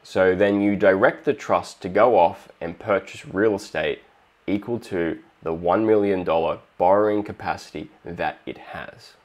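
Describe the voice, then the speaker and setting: A man's voice: low-pitched, a little slow. A man with an Australian accent hosting a finance video, explaining step by step and acting out short exchanges with the bank. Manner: steady explanatory, acts out little dialogues. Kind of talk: explainer monologue.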